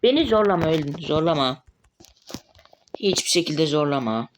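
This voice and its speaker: Excitable, foul-mouthed young gamer man. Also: a little high, moderate pace, a little hiss or hum. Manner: excitable, swears often when frustrated. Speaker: mobile game streamer. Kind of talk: live gameplay commentary.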